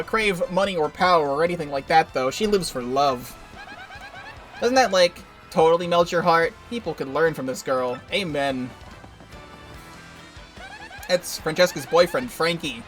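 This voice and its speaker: A man's voice: on the high side, a bit bright, close to an everyday voice. A man doing a gossipy townsperson. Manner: gossipy, confiding. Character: chatty male townsperson, gossiping about the mob.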